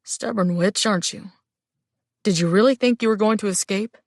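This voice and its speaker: A woman's voice: medium pitch, moderate pace, no echo, studio quality, close to an everyday voice. A woman narrator voicing a stern, teasing, dominant male werewolf shapeshifter in an audiobook. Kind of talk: audiobook character dialogue.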